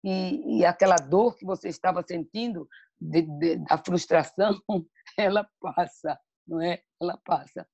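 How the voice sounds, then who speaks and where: A woman's voice: on the low side, a little slow, gravelly, a little mellow, breathy edge, lo-fi sound. A woman speaking at a church talk on motherhood, telling stories and reading scripture in a reflective way. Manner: reflective, storytelling, quotes scripture.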